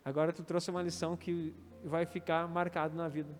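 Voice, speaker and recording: A male pastor with a Brazilian Portuguese accent delivers a sermon in a slightly high voice. His words ring with the long echo of a church hall, and soft instrumental music sits faintly underneath. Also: little pitch movement, brisk. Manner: preaching with quoted dialogue and calls of amen.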